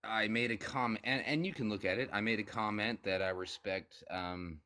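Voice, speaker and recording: Deep-voiced hesitant man. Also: moderate pace, pushed and bright. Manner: hesitant, stumbles and repeats words. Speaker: guest on a live debate stream. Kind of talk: casual live stream debate.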